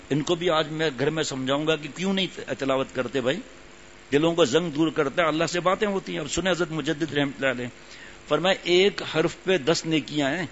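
A faint hum and a dull, lo-fi quality mark this recording of an older man preaching. He's a religious teacher whose slightly high voice stays relaxed and conversational as he circles back to repeat phrases for weight.

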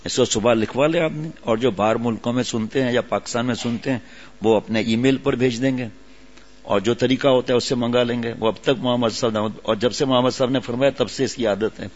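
An older man preaching to a seated gathering in a storytelling way, with asides to his listeners. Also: medium pitch. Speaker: religious preacher. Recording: dull lo-fi audio.

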